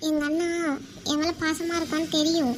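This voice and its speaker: A woman voicing a young woman in love in a cartoon, who speaks softly and hesitantly. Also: high-pitched, flat delivery, brisk, noisy background, natural voice. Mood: worried. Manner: soft, hesitant speech. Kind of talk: cartoon voice acting.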